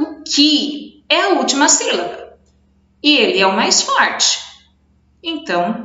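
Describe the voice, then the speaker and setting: Brazilian woman, schoolteacher, patient and repetitive delivery, bright tone, echoey lo-fi recording. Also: on the high side. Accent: Brazilian Portuguese. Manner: patient, explains slowly, repeats words and stresses syllables. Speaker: teacher. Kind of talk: remote video lesson for children. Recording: echoey room, dull lo-fi sound.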